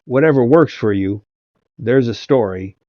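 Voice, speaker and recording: Animated but measured, a mid-range male voice belongs to a tabletop game master and video host giving rambling casual advice with many hesitations and restarts. There's no room sound, just dull lo-fi audio and faint music in the background.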